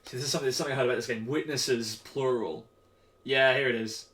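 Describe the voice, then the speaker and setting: A man's voice: mid-range voice, fast, a bit bright, recorded from a distance. A man doing casual game commentary as he reads a story game aloud. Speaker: gaming video host.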